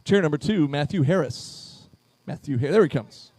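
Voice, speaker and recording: A man's voice: fairly high pitch, animated, normal speed, a little mellow, breathy edge, no room sound. A man emceeing a live charity event at a pub, upbeat as he calls names to chairs on a handheld microphone.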